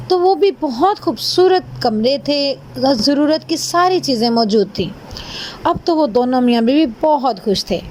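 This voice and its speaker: A woman narrating a fairy tale for children in a gentle, expressive storytelling manner. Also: sits high, a little hiss or hum.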